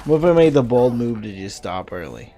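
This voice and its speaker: A man's voice: medium pitch, big pitch swings, brisk, dark tone, faint music behind. A man casually commenting while playing a game on a live stream, joking and rambling in a self-mocking way.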